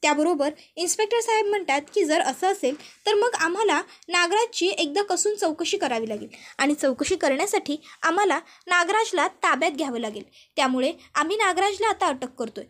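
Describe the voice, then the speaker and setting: A woman narrating a retelling of a TV serial episode, moving the story along with steady linking phrases. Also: very high-pitched, brisk. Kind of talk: storytelling recap.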